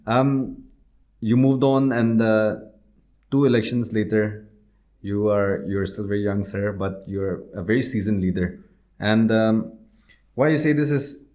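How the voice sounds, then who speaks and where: A man's voice: lowish voice, warm tone. A man hosting a conversational podcast interview, deferential and wordy as he circles toward his questions. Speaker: podcast host.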